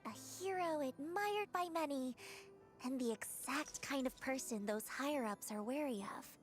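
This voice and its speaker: A woman's voice: high voice, moderate pace, soft background music, lightly acted. An actress voicing a determined young female idol in a video game, speaking in an earnest, composed, articulate way. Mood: earnest resolve. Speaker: game character voice actor. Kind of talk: scripted video game dialogue.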